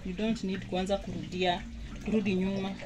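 With a brisk, level delivery at medium pitch, a Kenyan woman vlogs a casual laundry how-to from a small area in her home. She chats, points out details, and moves between Swahili and English as she films on a handheld phone. The sound is noisy with running water.

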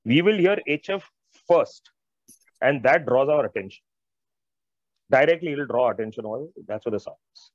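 A middle-aged, Indian-accented man presents as an audio expert over a video call, his mid-range voice lively in intonation at normal speed, with long pauses. He explains technical material informally and emphatically, repeating phrases and talking directly to listeners. His wired earphones produce dull, band-limited audio with no room sound.

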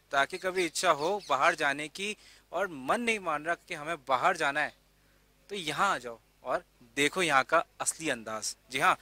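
A man's voice: a little high, bright, forceful tone. A man in his thirties hosting a TV shopping show, addressing viewers directly with a handheld mic in a resort hall. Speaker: TV show host. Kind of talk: promotional TV presenting. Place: indoor resort stairway hall.

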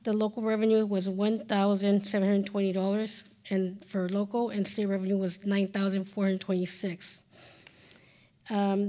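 Speaking into a podium mic at a board hearing, a school district finance officer in her forties reads out budget figures, full of fillers and self-corrections. Her voice is warm and medium-pitched, and the setting is a large indoor council chamber.

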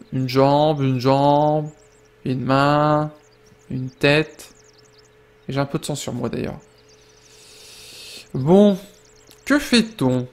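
A young man with a slightly high voice talks through his gameplay in a loose, rambling way and speaks straight to his viewers. When the action heats up, he breaks into loud, excited outbursts. He is recorded close on a desk microphone. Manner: chatty, rambling, addresses viewers directly; bursts into loud exclamations during fights. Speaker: gaming video creator. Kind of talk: casual let's-play commentary.

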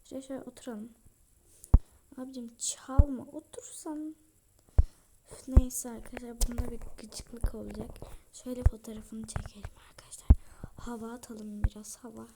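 A woman's voice: a little high, steady tone, normal speed. A woman casually commenting as she plays a game, talking to her viewers and often dropping into whispered asides. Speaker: gaming channel host. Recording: loud background hiss with clicks.

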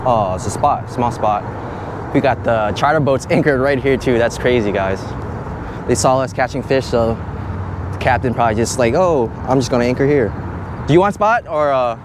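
Fishing off an outdoor pier, a young man keeps up a cheerful, talkative vlog in a mid-range voice at moderate speed. The footage comes from a head-mounted action camera, its outdoor sound marked by clear noise.

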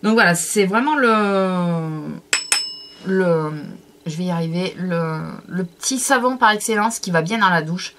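Low-voiced woman doing a casual makeup review, rambly and hesitant, lots of ums. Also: measured pace, fairly bright tone, a little hiss or hum. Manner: chatty, hesitant, many fillers and self-corrections, frequent laughs. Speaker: beauty vlogger.

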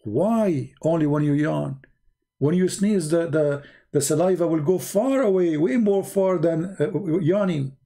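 Speaking slightly high and a little slowly in a dark tone, a male online commentator rambles sarcastically in broken non-native English, mocking his subject with feigned-innocent questions.

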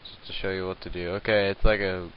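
A young man giving a casual screen-recorded software tutorial, rambling and hesitant with many fillers, talking into a handheld mic at his home computer. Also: sits low, little pitch movement, quick pace, dull audio, heavy background noise. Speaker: tutorial maker.

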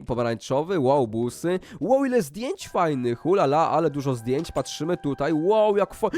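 A man hosting a Minecraft role-play video, talking excitedly to viewers and exclaiming often, with faint music behind. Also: on the high side. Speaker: gaming YouTuber.

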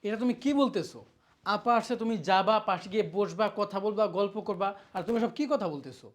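A woman's voice: mid-range voice, fast talker, lightly acted. A woman playing a husband who pleads with his angry wife to treat his sister kindly. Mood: pleading. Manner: pleading and reasoning. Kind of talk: short film acting.

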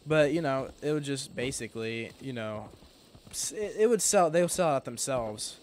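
A sleepy, yawning man talks through his gameplay in a loose, rambling way, full of restarts and self-corrections. His voice sits at an ordinary male pitch. A faint hiss lies under it. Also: animated, normal speed. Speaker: gaming commentator. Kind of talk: casual gameplay commentary.

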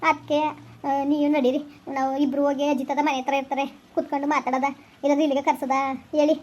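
Woman acting as a pleading village wife, high voice, flat quick delivery. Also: lo-fi sound, close to an everyday voice. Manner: pleading, earnest. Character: earnest, caring young village wife. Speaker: wife in a village family drama. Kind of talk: amateur family drama acting.

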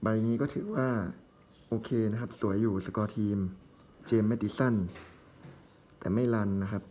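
A man with a fairly low voice opens trading card packs on camera. He calls out each player's name in quick, short bursts and drops easygoing, chatty asides in between, like a relaxed hobby commentator. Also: a little hiss or hum. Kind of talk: casual commentary while opening card packs.

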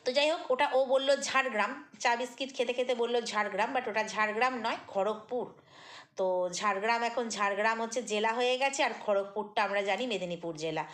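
A woman's voice: a little high, brisk, fairly bright tone. A woman vlogger talking through a casual commentary monologue, chatty and critical, with many fillers and restarts.

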